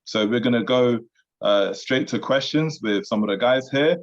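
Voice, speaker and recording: A man mentoring young men in a relaxed chat, reflective and conversational, with lots of "you know" asides. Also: mid-range voice, normal speed. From United Kingdom. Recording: dull lo-fi sound.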